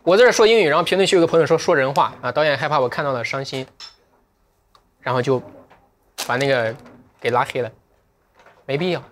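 A man talks casually to his livestream viewers, musing and joking at an ordinary middle pitch. At times he slips into slow, deliberate English. A faint hiss sits under his voice. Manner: reflective, joking, drifts into slow careful English. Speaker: livestream sales host.

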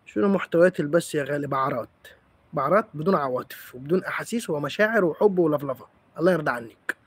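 A man's voice: high voice, slightly rough, no echo. A man with an Egyptian accent hosting a live stream, chatting playfully with viewers and teasing them as he answers comments. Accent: Egyptian Arabic.

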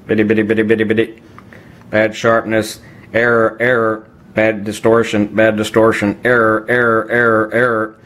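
A man voicing a malfunctioning lens-rating robot that glitches, beeps and repeats words in a clipped monotone. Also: fairly low pitch, moderate pace, slight background noise, lightly acted. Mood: glitching. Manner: clipped monotone machine talk with beeping noises and stuck repeated words. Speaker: photography video host. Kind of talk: comedic skit.

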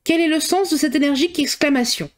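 A woman reading a novel aloud, voicing a dry, teasing middle-aged father who speaks in a slow, ironic, mocking way. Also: high-pitched, voice pushed up, lightly acted. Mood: wry.

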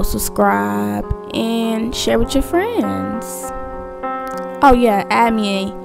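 Slow, gravelly young woman gamer. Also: medium pitch. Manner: chatty, slangy, nervous and jumpy. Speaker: gaming YouTuber. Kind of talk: casual let's-play chat to viewers. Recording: music playing behind the voice.

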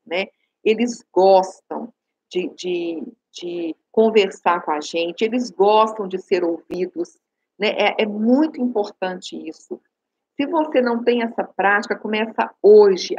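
A woman's voice: medium pitch, slightly rough, muffled recording. A woman with a Brazilian Portuguese accent gives parenting advice on a live stream, talks straight to viewers and often asks "né?" or "sabe?". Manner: reads out viewer comments and answers them.

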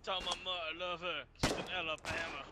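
A man's voice: on the high side, level tone, quick pace, noisy background, close to an everyday voice. A man voicing a dying, wounded soldier, gasping and pleading melodramatically. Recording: game voice chat with gunfire.

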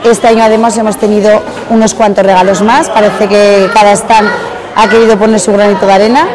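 A woman in her forties speaks at an ordinary pitch, pausing often with "eh" as she reflects on an event she organized. Clear chatter from a crowd fills the hotel hall around her. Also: little pitch movement. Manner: hesitant, many fillers. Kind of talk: on-camera interview. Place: busy hotel function hall at an expo.

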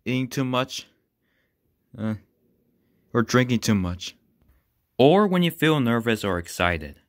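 A man voicing a fussy male cartoon bird in a plush puppet skit, halting and repeating his words. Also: mid-range voice, sing-song, no echo, studio quality. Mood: explaining.

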